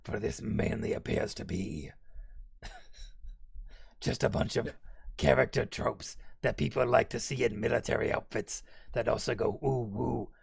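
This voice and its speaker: A man doing a gravelly, raspy demonic voice for a streamed reaction, playing a mocking, theatrical male demon. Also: mid-range voice, measured pace, voice pushed down, heavily acted. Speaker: streamer co-host. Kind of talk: reading a show synopsis in a put-on voice.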